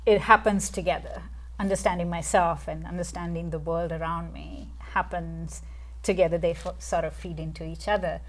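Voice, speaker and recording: A woman in her forties from Sri Lanka, a guest in an interview, speaking in a soft, reflective way with many pauses and fillers. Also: lowish voice. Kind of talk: casual interview.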